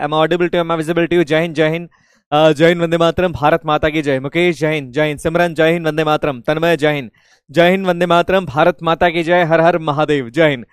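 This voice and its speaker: A man with a fairly high, clear, resonant voice teaches a live online class at a steady, moderate pace, in a dry, clean studio recording. Though slightly unwell, he chants patriotic greetings, mixes Hindi and English, and repeatedly asks whether his students can hear him.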